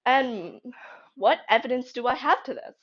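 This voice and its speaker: This young fan theory video creator has a high-pitched voice and a moderate pace. Chatty and emphatic, she reasons aloud through her fan commentary, heard on a slightly dull, lo-fi home recording.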